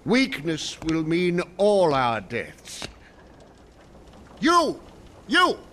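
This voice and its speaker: An actor playing a stern, commanding Roman tribune in a historical drama. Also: male voice, high-pitched, sing-song, slow, background noise, exaggerated voice. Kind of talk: dramatic audio acting.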